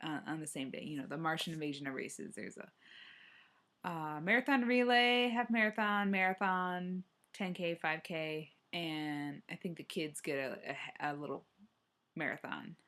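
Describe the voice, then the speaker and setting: A woman's voice: low-pitched, normal speed, a bit bright. A young adult woman chatting casually on a solo running vlog, rambling and hesitant, often restarting her sentences. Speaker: running vlogger.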